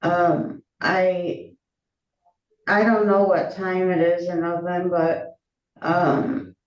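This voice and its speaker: Slow, hesitant defendant, distant and echoey. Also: medium pitch, little pitch movement. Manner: hesitant, halting, apologetic. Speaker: defendant in court. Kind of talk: pleading explanation to a judge. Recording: distant, echoey, muffled courtroom audio.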